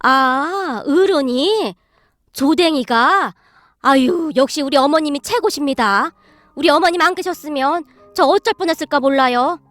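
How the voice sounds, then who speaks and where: A woman's voice: high voice, a little slow, dry recording, soft background music. A woman voicing a timid middle-aged mother-in-law who earnestly practices sounding fierce. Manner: eager, earnest, practiced shouting.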